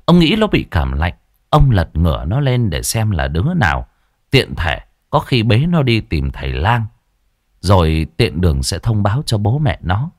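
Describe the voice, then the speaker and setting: A man with a fairly low voice narrates a ghost story, his pitch rising and falling with lively drama. The recording is dry and close, with little room sound. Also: normal speed, dry recording.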